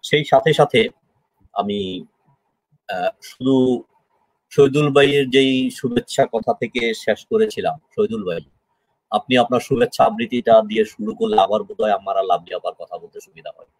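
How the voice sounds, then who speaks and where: A man from Bangladesh hosting an online poetry gathering, speaking in a solemn, measured, declamatory way. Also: fairly low pitch, no room sound, poor audio. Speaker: host. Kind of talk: formal tribute speech.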